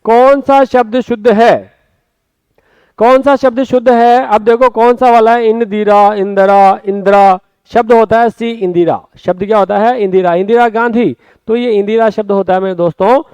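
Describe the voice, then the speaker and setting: A man teaching a spoken exam-prep Hindi lesson, lively, stretching words out and calling his students friends, with a Rajasthani Hindi accent. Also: high-pitched, moderate pace, smooth, no room sound, poor audio. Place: classroom or studio.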